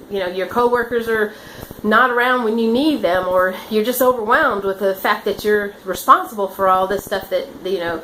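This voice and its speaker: Earnest rambling nurse telling stories. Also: female voice, medium pitch, bright, forceful tone, slight background noise, low-quality recording. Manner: rambling, earnest, with many restarts and fillers. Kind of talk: casual storytelling.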